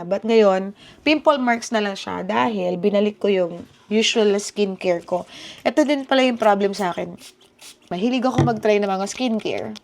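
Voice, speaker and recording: A woman's voice: mid-range voice, a little mellow, slight background noise. A woman in her thirties from the Philippines, chatting casually as a vlogger in her home kitchen and mixing Tagalog and English. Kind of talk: casual vlog chat. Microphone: small handheld camera. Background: background music.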